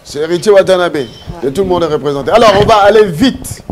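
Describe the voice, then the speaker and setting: A man presenting a live TV event, talking in a hurried, repetitive, excitable way. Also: high voice, a crowd in the background.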